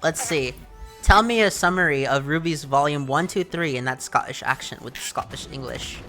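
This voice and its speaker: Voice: medium pitch, normal speed, sharp tone, soft background music. A host chatting casually while playing a game, dry and matter-of-fact, prone to tangents. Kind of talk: casual gameplay banter.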